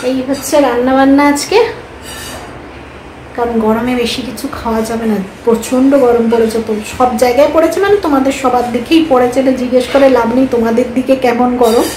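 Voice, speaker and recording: A woman's voice: a little high, fairly even intonation, a little fast, a little mellow, a little hiss or hum, poor audio. A woman, a mother chatting casually to her viewers in a home vlog. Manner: chatty, addresses viewers directly. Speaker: vlogger, mother.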